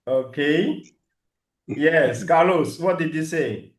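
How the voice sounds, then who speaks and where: A man whose first language is French leads a live English class, repeating words slowly so his students can copy them. His voice sits a little high. The room around him is echoey. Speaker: English teacher.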